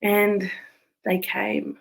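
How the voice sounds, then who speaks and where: A New woman talking heartfelt and earnest to her community, her voice carrying a gravelly, creaky texture. She sits at a middle pitch and speaks as a site's community manager, plainly moved. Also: wildly swooping pitch, extremely slow, low-quality recording. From New Zealand. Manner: emotional, earnest, tearful at times. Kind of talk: heartfelt personal address to camera.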